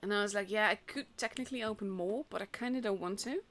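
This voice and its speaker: A young Dutch woman, a native speaker from the Netherlands with a Dutch accent, talks fast in a medium-pitched, slightly bright voice. As an esports caster and streamer, she casually commentates a tournament on her live stream, rambling with fillers and restarts over faint stream music.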